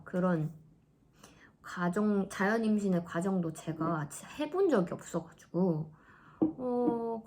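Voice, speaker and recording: In a mid-range voice, a woman in her thirties chats casually for her vlog. She laughs often and slips into soft asides.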